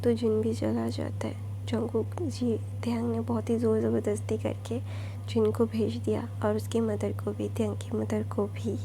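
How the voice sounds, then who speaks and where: A woman telling a fan fiction story in a soft, half-whispered voice. Her pitch stays slightly high but even, and the sound is dark and gravelly. A faint hum sits behind her. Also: normal speed.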